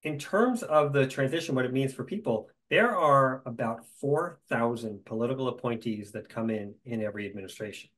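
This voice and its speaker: A middle-aged man, a guest in a conversation, telling stories in a lively way with dry humor. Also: medium pitch, a little fast, hardly any pauses, rough recording.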